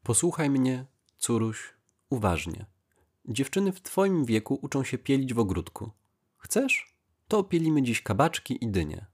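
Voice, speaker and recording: A man's voice: medium pitch, big pitch swings, measured pace, husky, pitched above the performer's own voice, full character voice. A man voicing a stern, controlling mother who coaxes her daughter firmly. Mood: coaxing.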